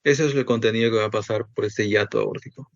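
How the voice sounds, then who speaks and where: A man's voice: fairly low pitch, fairly even intonation, fast, no echo. A man teaching an anatomy lesson step by step and asking himself the students' questions. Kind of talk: recorded anatomy lecture. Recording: dull, lo-fi dry recording.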